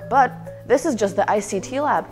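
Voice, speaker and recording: A woman's voice: a little high, expressive, moderate pace, a little mellow, soft background music. A teenage girl from the Czech Republic, a student guiding a school tour in a chatty, lightly humorous way. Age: teens.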